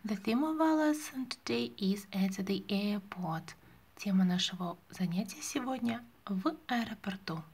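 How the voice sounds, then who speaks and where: A woman's voice: medium pitch, slightly rough. A woman teacher narrating a scripted lesson for young children in short, simple instructions.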